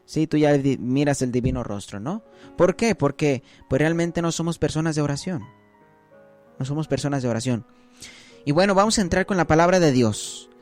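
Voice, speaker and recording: A man's voice: a little high, animated, moderate pace, soft background music. A man giving a conversational sermon as a preacher, often checking in with his listeners.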